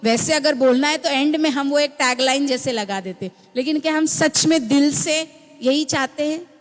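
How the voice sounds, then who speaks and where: High-voiced woman preaching in a church hall. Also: moderate pace. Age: young adult to middle-aged, mother of a small child. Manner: teaching, asks the congregation "है ना?" often. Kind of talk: sermon. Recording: long reverb of a church hall.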